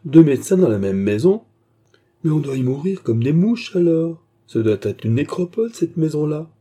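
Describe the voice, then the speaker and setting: A man's voice: on the low side, moderate pace, mellow, husky. A man voicing a proud young courtesan. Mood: mocking. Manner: emotional, turning caressing and mocking.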